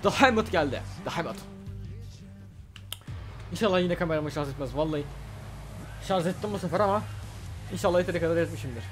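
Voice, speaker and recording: A young man with a sore throat doing casual, excitable let's-play commentary, trash-talking his opponent and bursting into loud shouts. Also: fairly high pitch, fast, long pauses, faint music behind. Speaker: gaming channel host.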